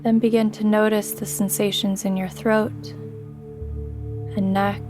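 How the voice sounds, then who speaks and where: Over soft background music, a woman's flat, even, mid-pitched voice leads a very slow guided sleep meditation. Her instructions are gentle and soothing, unhurried, with long pauses between them.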